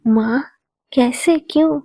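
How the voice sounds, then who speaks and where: Lady doing an upset young girl in a story, anxious and pleading, kinda high and flat. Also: unhurried, gravelly, dry recording. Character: distressed young woman, tearful daughter.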